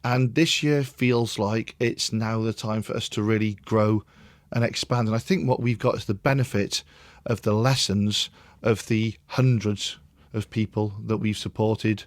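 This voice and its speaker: A man's voice: on the low side, fairly even intonation, measured pace, hardly any pauses, dry recording. A man hosting a casual business conversation, leading it and asking his colleague questions. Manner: leads the talk and asks questions. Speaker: business advisor hosting a review chat.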